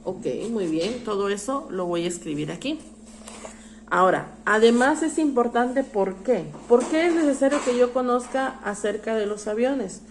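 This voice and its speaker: Woman, teacher, patient, explanatory, rhetorical questions, slightly high-pitched. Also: expressive, normal speed, slight background noise. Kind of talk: online class lesson.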